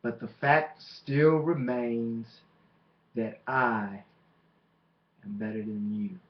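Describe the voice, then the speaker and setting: A man delivering a boastful, taunting wrestling promo as a monologue, with deliberate dramatic pauses. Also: medium pitch, steady tone. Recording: dull lo-fi microphone recording.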